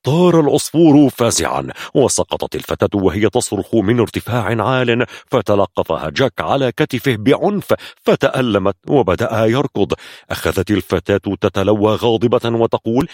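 A husky-voiced man narrates with suspense, his low voice rising and falling freely. The sound is dry and close, with no room around it. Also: lively intonation, normal speed, darkish tone, dry recording. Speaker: storyteller. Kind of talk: dramatic film retelling.

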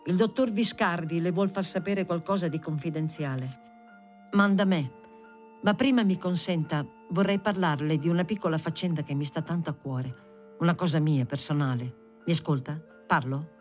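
A reader voicing a chatty, unperturbed young woman with a shrill voice and a pushy, rambling way of talking in an audiobook. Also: moderate pace, faint music behind, natural voice. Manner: talkative, rambling, overly familiar.

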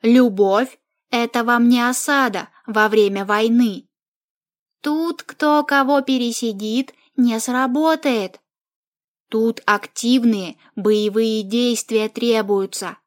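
A woman's voice: fairly high pitch, steady tone, takes it slowly. A woman voicing a bossy young matchmaker. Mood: assertive. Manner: emphatic, lecturing.

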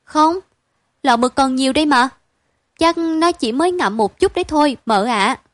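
A woman voicing a quick-witted older sister who coaxes and reassures briskly, in a storybook reading. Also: high voice, dry recording, voice pushed up, close to an everyday voice. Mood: reassuring. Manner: bright, brisk coaxing.

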